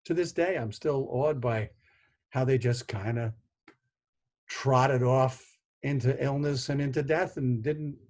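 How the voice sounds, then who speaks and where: A husky-voiced man in his sixties, speaking at an ordinary middle pitch. He tells family anecdotes as a guest, animated and conversational, and slips into the voices of the people he quotes. He sounds like he is talking over a video call. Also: a little slow. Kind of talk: conversational storytelling.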